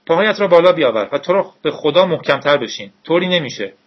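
A lively teenage girl, eager and quick to ask questions, her voice lifted high and a little husky, as a man reading a story puts her on. The recording is dull and lo-fi. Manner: raised pitch, bright and eager.

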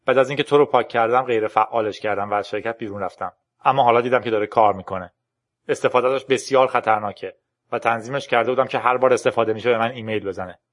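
A man reading a storybook's lines for a tense young woman programmer who urges a friend to flee, in an urgent, hurried manner. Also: mid-range voice, lightly acted.

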